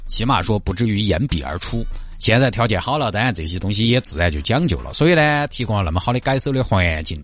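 A man with a Sichuan accent hosts a radio show, giving casual, colloquial commentary on the news and chatting directly to listeners. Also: on the low side. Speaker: radio host.

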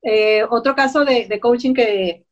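A woman's voice: fairly high pitch, a little slow. A woman coach giving an earnest, encouraging talk that speaks straight to the listener. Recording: dull lo-fi audio.

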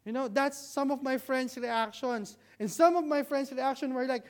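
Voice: sits high, moderate pace. A preacher giving a conversational sermon in a church hall, posing questions and answering them, checking in with the congregation and adding humorous asides. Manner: rhetorical, asks and answers own questions with frequent "right?".

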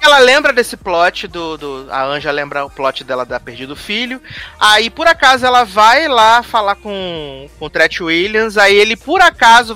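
High, bright-voiced man, sarcastic chat. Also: dry recording. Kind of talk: casual chat.

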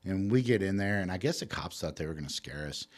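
A man's voice: low voice, animated, fast talker. A middle-aged man, telling a rambling, profane story in casual talk. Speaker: podcast guest.

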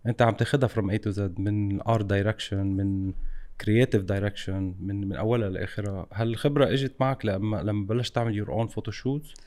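A man's voice: fairly low pitch, fairly even intonation, fairly quick, darkish tone. A man with a Levantine Arabic accent from Lebanon, interviewing in a casual, reflective way and slipping English phrases into his speech.

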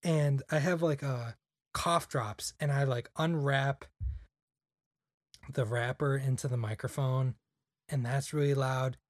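Recorded cleanly in a studio with no room sound, a young man with a medium-pitched voice rambles casually on a podcast as a guest, using "like" again and again.

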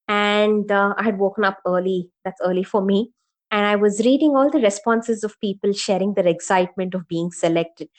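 A woman co-hosting a casual podcast who tells her stories with lively energy and acts out the voices of the people she quotes. Her voice sits at a middle pitch for a woman. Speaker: podcast co-host.

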